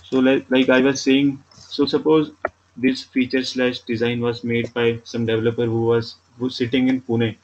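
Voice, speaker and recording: A man with an Indian accent giving a step-by-step software tutorial as an instructor, explaining simply and repeating key points. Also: medium pitch. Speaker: programming instructor. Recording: dull lo-fi mic with background noise.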